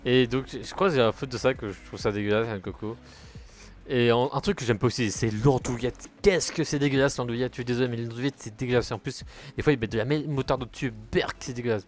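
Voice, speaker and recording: A man's voice: mid-range voice, fast talker. A young man chatting casually while streaming a car football game, rambling from topic to topic and swearing when plays go wrong. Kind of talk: casual gaming commentary.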